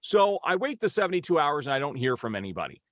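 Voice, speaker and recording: A man's voice: on the high side, very animated, fast talker, a bit bright, dry recording. A man casually retelling a frustrating customer service ordeal to camera. He sounds exasperated and packs the story with quoted back-and-forth from his phone calls. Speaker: vlogger reviewing a company's customer service. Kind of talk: casual first-person storytelling rant.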